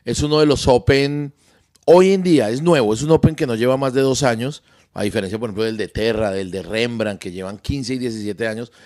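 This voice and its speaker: A man's voice: mid-range voice, brisk, dry recording, studio quality. A man talking casually on a podcast, telling stories with lots of repeated words. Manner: animated storyteller, repeats words. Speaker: comedian guest.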